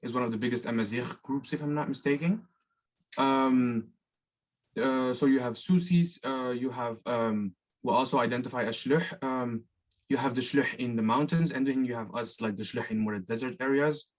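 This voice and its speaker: A man's voice: medium pitch, normal speed. Eighteen-year-old man from Morocco. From southeastern Morocco. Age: teens. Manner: hesitant, polite. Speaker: panel guest. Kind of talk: video call self-introduction. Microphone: video call.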